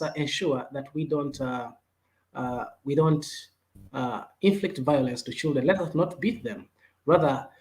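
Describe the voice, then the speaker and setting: Halting man urging parents. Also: on the high side, slight background noise, rough recording. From Uganda. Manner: halting and repetitive, with many "uh"s and restarts, urging earnestly. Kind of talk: advocacy talk, addressing parents and caregivers.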